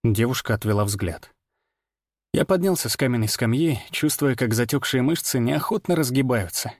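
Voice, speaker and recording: A man narrating a first-person fantasy audiobook in an even storytelling voice. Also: medium pitch, normal speed, no room sound, studio quality.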